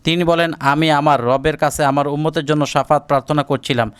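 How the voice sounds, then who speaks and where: A man's voice: fairly high pitch, steady tone, clean tone. A man giving a religious lesson, explaining prayers and their pronunciation step by step for viewers to follow. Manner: drawn-out Arabic recitation for learners to repeat. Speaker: Islamic teacher.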